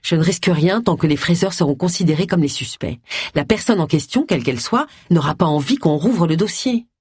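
A reader voicing a stubborn, sharp-minded middle-aged woman sleuth in an audiobook, thinking aloud with determination. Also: low-pitched, expressive, brisk, husky, no room sound, studio quality, exaggerated voice. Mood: reasoning.

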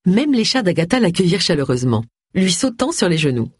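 An audiobook narrator reading a novel in an expressive, varied way. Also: medium pitch, fast, slightly rough, no room sound, studio quality. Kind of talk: scripted narration.

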